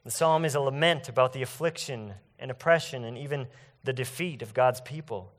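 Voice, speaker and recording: A man preaching a sermon in an earnest, emphatic way, slowing down to stress key phrases. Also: medium pitch. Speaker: pastor.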